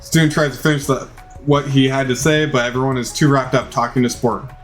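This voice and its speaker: With game music underneath, a male narrator brings a playthrough's text to life in a dramatized reading. His mid-range voice is brisk but flat in delivery, and the theatrical performance has small stumbles.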